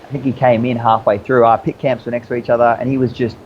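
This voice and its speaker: A man's voice: medium pitch, level tone, fast, lo-fi sound, a little hiss or hum. A man chatting casually as a guest, telling stories in an easygoing, rambling, slangy way. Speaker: interview guest, obstacle racer. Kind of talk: casual storytelling chat.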